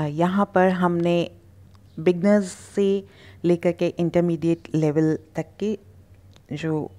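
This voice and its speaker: A woman teaching English pronunciation, repeating each word slowly and stretching out the sounds. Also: fairly low pitch, warm tone. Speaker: spoken English tutor. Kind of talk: slow pronunciation lesson.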